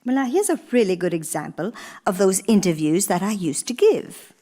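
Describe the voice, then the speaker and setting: A stage actress plays an elderly, genteel former First Lady in a theatrical radio monologue, gracious and reflective as she deliberately shapes each phrase. Her dark-toned voice is sing-song, its pitch swinging widely and expressively through the story, with a reflective, confiding mood.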